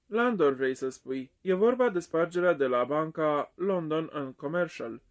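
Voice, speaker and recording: A blunt, surly ex-cop, as an audiobook reader puts him on, short and grumpy in every answer. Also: male voice, fairly high pitch, animated. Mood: gruff. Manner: gruff, sullen. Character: blunt male ex-policeman, surly.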